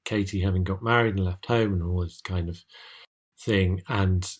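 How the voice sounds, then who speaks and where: Hesitant English man, lowish voice. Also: fairly even intonation, moderate pace. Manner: hesitant, with repeated words. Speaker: podcast co-host. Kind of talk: casual chat.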